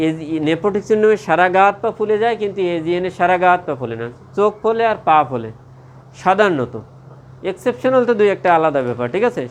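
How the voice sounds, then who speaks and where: A man with a high voice teaches a medical class. He poses questions and answers them himself, and he checks again and again that his listeners follow. Faint ambient noise sits under the recording. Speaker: medical lecturer. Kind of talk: classroom lecture.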